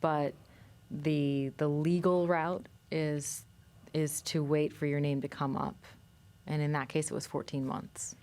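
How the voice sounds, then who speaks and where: Interviewed in a studio, this woman filmmaker explains her projects in a measured manner, broken up by frequent pauses and ums. She has a low-pitched, even, slightly mellow voice.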